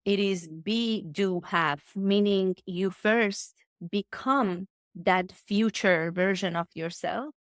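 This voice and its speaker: In studio-quality sound with no room tone, a woman from Iran speaks English with slightly distinctive phrasing, slowly and with few pauses. A coach appearing as a podcast guest, she talks earnestly and enthusiastically in a casual interview.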